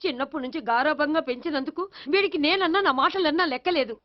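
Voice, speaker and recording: Woman as nagging old grandma, high voice, dull soundtrack. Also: fast talker, natural voice. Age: older. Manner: nagging, emotional.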